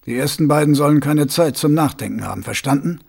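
A man voicing a shrewd, middle-aged watch captain who gives brisk orders in a dry, commanding manner. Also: a little high, gravelly, a little mellow, slightly rough.

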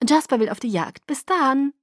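Bubbly young woman, high and sing-song, pushy with excitement, read by a woman. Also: normal speed, no echo, studio quality. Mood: cheerful.

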